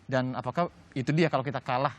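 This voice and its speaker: A man co-hosting a talk show, briskly reading out a viewer's question and respectfully handing over. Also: medium pitch. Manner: brisk, respectful, affirming with repeated "iya". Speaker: co-host.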